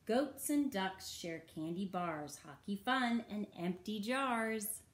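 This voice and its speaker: Woman storyteller for kids, very slow and sing-song, roomy echoey sound. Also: mid-range voice, animated. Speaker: children's story reader. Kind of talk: reading a picture book aloud. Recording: roomy echo.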